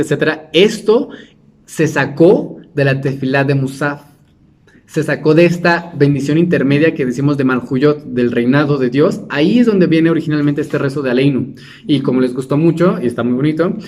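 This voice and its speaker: Teaching Torah in a relaxed, conversational way, a man keeps putting questions to the class and frequently restarts his sentences. His voice is medium in pitch with a darkish tone.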